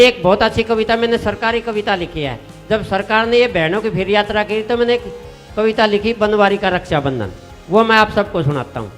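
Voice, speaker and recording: High-voiced Haryanvi comic poet on stage. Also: male voice, fairly bright tone. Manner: folksy, chatty with the audience, rhyming punchlines. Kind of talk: stage comedy poetry recitation. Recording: live stage with long reverb.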